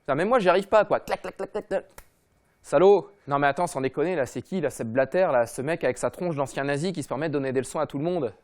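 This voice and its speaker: A man hosting a comedy football show, ranting in a mocking, slangy, rapid-fire way. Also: on the high side. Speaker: comedy football podcast host. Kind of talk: fast comic rant.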